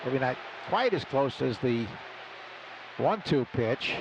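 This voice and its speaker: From a stadium booth, an older American man calls baseball play-by-play on live radio in a sing-song voice at a slow pace. The background is noisy, and he talks conversationally, telling stories between pitches.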